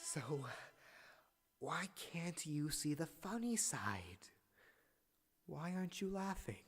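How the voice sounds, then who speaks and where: A man voicing a manic, mocking, theatrical supervillain clown in a comic dub, taunting and swinging between hush and shriek. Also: on the high side, very animated, slow pace, heavy background noise, heavily acted. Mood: hushed pleading. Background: music.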